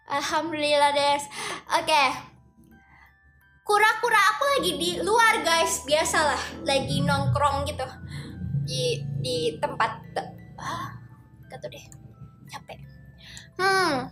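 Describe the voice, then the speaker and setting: A young woman chats casually on her livestream in a very high, slow, sing-song voice, greeting viewers one by one. The sound is echoey, with faint music behind her. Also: sharp tone. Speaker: livestream host.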